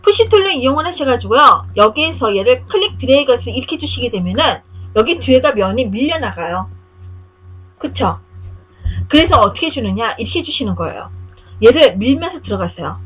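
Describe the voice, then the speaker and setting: A woman instructor walking through a software tutorial step by step, often asking her listeners rhetorical questions. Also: fairly high pitch, very animated, brisk, breathy edge. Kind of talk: screen-recorded software tutorial. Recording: tinny lo-fi narrow sound.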